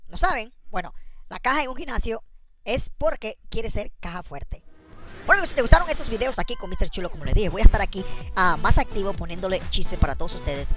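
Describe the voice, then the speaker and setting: A woman's voice: on the high side, huge pitch swings, fast, a bit bright, soft background music. A woman hosting a joke channel, chatting casually and quizzing her listeners with riddles. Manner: chatty, asks the audience riddles and laughs at own jokes. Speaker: joke-telling channel host. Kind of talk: casual joke telling to camera.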